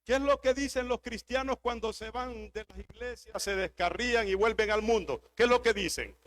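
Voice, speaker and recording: A pastor preaching a sermon, driving points home with emphatic repetition. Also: male voice, very high voice, normal speed, fairly bright tone.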